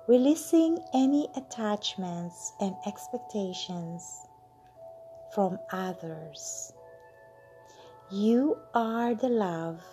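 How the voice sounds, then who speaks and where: Very slow, whispery woman meditation guide. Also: mid-range voice, dark tone. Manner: slow, soothing, drawn-out delivery with breathy whispered endings.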